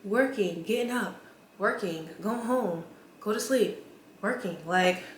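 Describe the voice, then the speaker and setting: A woman's voice: mid-range voice, takes it slowly, slight background noise. A woman in her twenties talking candidly to her camera as a vlogger, casual and full of "like" fillers. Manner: chatty, many "like" fillers, candid. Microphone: camera mic. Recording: roomy with faint ambience.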